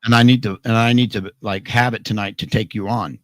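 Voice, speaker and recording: A radio host chats on a casual live talk show, his lowish voice hoarse and worn out. He speaks a little fast in a steady tone, joking and rambling with restarts, and the recording has no room sound.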